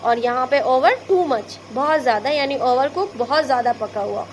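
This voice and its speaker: Woman, Indian Hindi accent, high pitch, patient classroom teacher, repeats examples, slight hiss. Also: normal speed. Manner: patient, addresses pupils as "beta", repeats and explains each example. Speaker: school English teacher. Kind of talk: classroom lesson explaining word prefixes.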